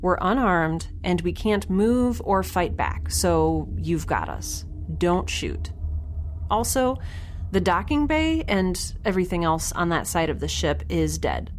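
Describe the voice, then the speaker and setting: In a naturalistic sci-fi audio drama, a woman with a fairly low, animated voice plays a wry, flustered young woman alone on a spaceship. She speaks slowly in a casual, hesitant, sarcastic way, wry and bluffing, over faint ship ambience.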